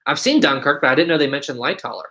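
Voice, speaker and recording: Going through viewer questions one at a time, a young, deep-voiced man reads each aloud and responds on his casual live stream. His delivery is very fast and sharp-toned.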